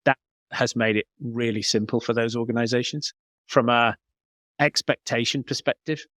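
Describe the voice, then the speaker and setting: Working step by step through examples, a man speaks as a business coach and podcast guest, his answers explanatory and conversational. His voice is medium-pitched, a bit bright and steady at a moderate pace, captured in studio quality with no room sound.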